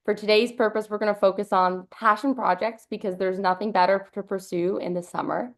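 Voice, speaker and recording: A woman's voice: medium pitch, fairly even intonation, brisk. Upbeat young woman presenting her company. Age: young adult. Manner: upbeat, fluent, with occasional ums. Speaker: company founder and CEO presenting. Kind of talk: webinar presentation. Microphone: video call.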